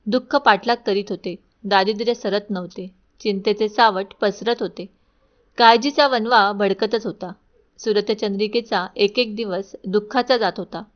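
A woman's voice: medium pitch, fairly even intonation, normal speed, dull audio. A woman narrating a devotional folk tale, reading each character's lines with a raised, sharper voice. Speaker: storyteller.

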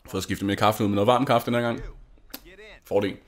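His pitch sits fairly low and his tone stays steady as this young man from Denmark talks over gameplay for his gaming channel. The chat is casual and gushing, wandering along with fillers and restarts.

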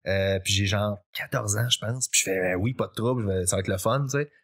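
Quebecois man telling stories animatedly. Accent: Quebec French. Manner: animated, acts out his past self in quick high quotes. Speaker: podcast guest. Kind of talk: casual confessional storytelling.

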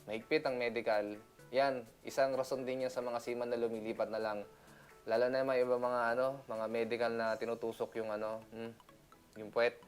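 A man from the Philippines, a seaman, talking casually in a chatty vlog, laughing often and mixing in English. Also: mid-range voice. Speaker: seaman vlogger.

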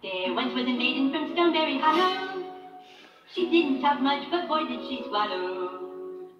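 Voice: high-pitched, very animated, measured pace, far from the mic. An actor voicing a boastful, bawdy boy elf bard in a cartoon video game. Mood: bawdy, teasing. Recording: game audio from TV speakers, roomy, dull, music.

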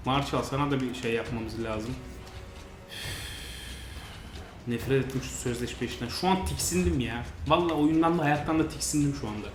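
A man giving frustrated, grumbling commentary over a football video game, now and then yelling at his players. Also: medium pitch, a little fast, long pauses. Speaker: gaming channel host. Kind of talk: live commentary over gameplay. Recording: roomy sound with faint noise.

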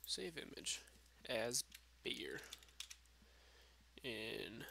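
A man's voice: mid-range voice, expressive, measured pace, gravelly, background noise. A drunk young man rambling casually and swearing through a gaming vlog, recorded on a substitute microphone. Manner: profane, aimless rambling. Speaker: gaming vlogger. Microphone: makeshift substitute microphone, screen-capture voice-over.

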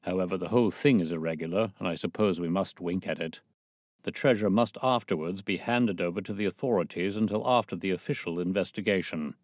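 Casting: man to play hearty, self-important policeman in a storybook, deep voice, emphatic, dry recording. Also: fairly quick, darkish tone, no echo. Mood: grudging.

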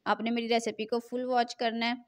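Cooking host: middle-aged woman, fairly high voice, chatty and repetitive. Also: flat delivery, a little fast. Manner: chatty, repeats filler phrase "jo hai na". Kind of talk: cooking tutorial voice-over.

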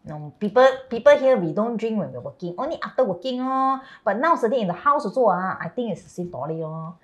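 A woman's voice: mid-range voice, animated, brisk, lo-fi sound, natural voice. A woman playing a chatty, blunt Singaporean character in a comedy series, speaking colloquial Singlish with lah and lor. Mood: matter-of-fact. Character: chatty, blunt Singaporean Indian woman raised in a Chinese household. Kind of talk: scripted comedy series dialogue.

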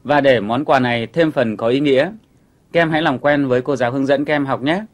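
Patient male teacher for a kids' TV English lesson, steady mid-pitched voice, clear step-by-step delivery. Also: quick pace, faint music behind.

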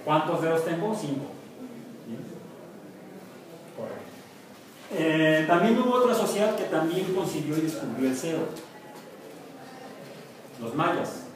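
A man's voice: on the high side, animated, a little slow, long pauses, slight background noise. A Mexican man teaching a university math class, joking and asking the students questions. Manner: jokey, asks the class questions. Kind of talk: classroom lecture. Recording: echoey classroom from far off.

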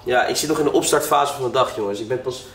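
A man's voice: mid-range voice, fast talker, a bit bright. Chatty young man vlogging in an echoey room. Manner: rambling, chatty, addresses viewers as "jongens". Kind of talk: casual vlog chat. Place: indoors at home.

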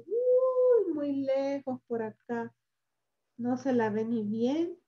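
A high-voiced woman reads a picture book to small children, drawing her words out slowly in a sing-song, animated way. She adds playful sound effects and asks the listener questions. The recording sounds dull and lo-fi. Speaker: children's story reader.

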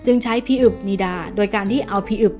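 A woman's voice: mid-range voice, fairly even intonation, quick pace, a little mellow. A young adult woman giving a casual online language lesson, chatting straight to her viewers and calling herself by name. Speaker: Korean language teacher. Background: background music.

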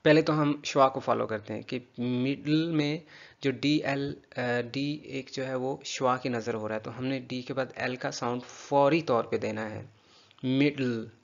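A man teaching English pronunciation, patiently drilling words slowly and repeating them for a learner. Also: medium pitch, steady tone, gravelly, highs cut off. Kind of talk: spoken language lesson.

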